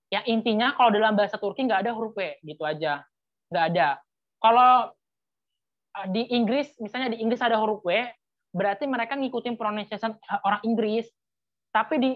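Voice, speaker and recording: Woman teaching letters aloud, patient. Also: on the high side. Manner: patient, repeats letters slowly, casual fillers. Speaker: language teacher. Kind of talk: live online language lesson. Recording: slightly muffled dry sound.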